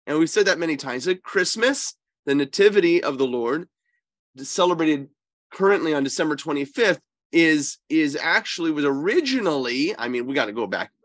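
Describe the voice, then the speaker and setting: A man who is a priest, slightly wheezy and congested with a cold, giving conversational religious teaching in an emphatic, halting way. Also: fairly high pitch, lively intonation, fairly bright tone, dry recording. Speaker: priest and co-host.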